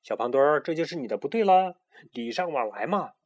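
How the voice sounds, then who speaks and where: 一个男人给一只好奇爱打听、容易着迷的农场家禽配音，说话又快又热闹。. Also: male voice, a little high, expressive, fairly quick, lo-fi sound. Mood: prying. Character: curious nosy farm bird, easily carried away.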